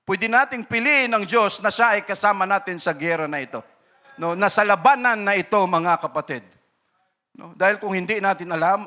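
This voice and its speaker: Filipino male pastor, bright and somewhat high, preaching with soft lows and loud emphatic bursts, constant "no?" tags. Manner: mixes English phrases into Tagalog, frequent tag "no?". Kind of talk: sermon.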